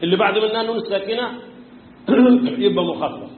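High-voiced Egyptian tajweed teacher. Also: male voice, fairly quick, slight background noise. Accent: Egyptian Arabic. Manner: quizzes students, answers his own questions; chants the verses in recitation. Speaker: Quran recitation teacher. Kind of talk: tajweed lesson. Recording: echoey room, tinny phone-like sound.

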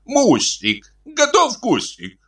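A man voicing a plump, spoiled middle-aged engineer who calls out in a sing-song baby-talk voice and turns shrill when flustered. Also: animated, extremely slow, a bit bright, heavily acted. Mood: cooing, whiny.

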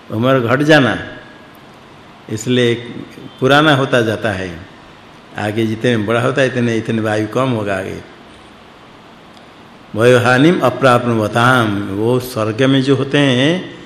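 A man with a gravelly, medium-pitched voice teaches a scripture lesson, explaining the text word by word and putting questions to his class. The sound is echoey, as in a hall, with faint background noise.

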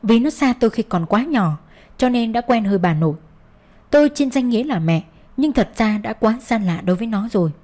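A woman's voice: fairly high pitch, animated, a little fast, darkish tone. A woman narrating a first-person audio story in a wounded, bitter tone.

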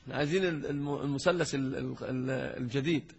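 A man teaching a grammar lesson to a class, lively and quizzing his students. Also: medium pitch, fast talker, creaky, breathy edge. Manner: lively, questions and teases students. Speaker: sheikh teaching Arabic grammar. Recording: dull lo-fi hall recording.

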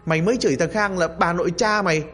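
Guy playing a grumpy joking old ancestor ghost, husky. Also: high-pitched, fast talker, a bit bright, soft background music, pitched above the performer's own voice. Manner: gruff, bantering, folksy. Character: teasing old great-grandfather spirit, male.

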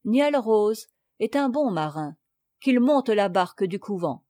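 Woman reader voicing a proud young heroine, steady and firm; slow, dry storybook read. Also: mid-range voice, no echo. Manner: calm and firm.

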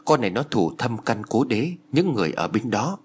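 A man voicing a village woman who guides a visitor and speaks to him in low, confiding tones. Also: sing-song, moderate pace, a little hiss or hum, close to an everyday voice. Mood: hushed. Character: guiding village woman, hushed and secretive.

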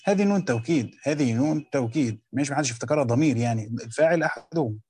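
A man with an Egyptian accent teaching a lesson on a classical text, reading passages slowly and then explaining them in quick colloquial asides while quizzing his students. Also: medium pitch, animated, darkish tone, husky. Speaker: teacher of Quran commentary.

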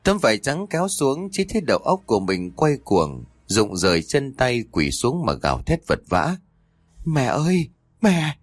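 A man narrating a ghost story for an audiobook in an expressive storytelling manner. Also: medium pitch, normal speed, few pauses, no room sound. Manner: expressive, voices the characters' cries and quarrels.

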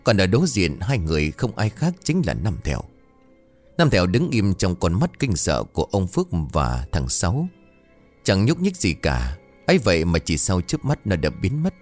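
Male ghost-story narrator, low pitch, lively suspenseful delivery, faint music. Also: moderate pace.

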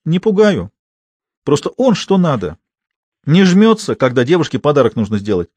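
A man's voice: a little high, big pitch swings, normal speed, a little mellow, slightly rough, no echo, pitched above the performer's own voice. A man voicing a cocky, mercenary young woman who talks in a mocking, blunt way.

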